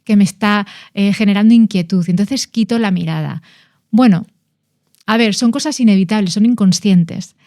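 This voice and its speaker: A woman on a podcast explains body language in a conversational tone. Her voice is mellow and warm, with a close, dry sound, and she often stresses words and restarts her phrases as she thinks. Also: medium pitch, normal speed, no room sound. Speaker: podcast guest, nonverbal communication expert. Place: podcast studio.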